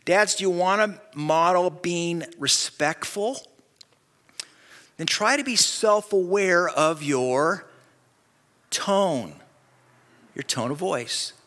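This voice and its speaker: An older man preaching a sermon as a pastor, talking conversationally and often turning to the listeners with quick asides. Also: high-pitched, animated, fairly bright tone, big-room sound.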